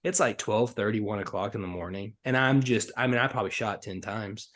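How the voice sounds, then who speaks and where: A man's voice: lowish voice, fairly quick. A man in his thirties, a podcast co-host, telling a story in casual chat and acting out the quotes. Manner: animated storyteller, acts out shouted quotes.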